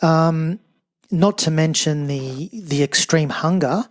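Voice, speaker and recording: A man's voice: on the high side, takes it slowly. A man hosting a podcast, reading a support message and asking hesitant, rephrased questions. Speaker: podcast host. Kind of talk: podcast host read and interviewing.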